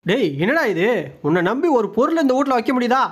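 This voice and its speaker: Fast, teasing comic woman dubber. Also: high-pitched, very animated, a crowd in the background. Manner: scolding, teasing banter. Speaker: voice-over artist and channel host. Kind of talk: comic mind-voice dubbing. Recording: noticeable background noise.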